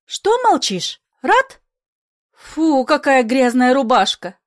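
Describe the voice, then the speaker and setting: A woman's voice: on the high side, sing-song, a little slow, no room sound, studio quality. Woman playing a commanding young mother.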